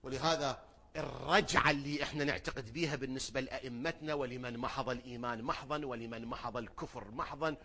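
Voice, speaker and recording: A man preaching a sermon, asking rhetorical questions, repeating phrases and swinging between loud outbursts and low murmurs. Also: steady tone, fast.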